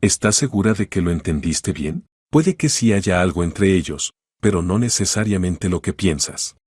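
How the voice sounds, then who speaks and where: A man reading the lines of a practical, calm older sister who gives measured advice in a narrated story. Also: low voice, slightly rough, no room sound, studio quality. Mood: calm, concerned.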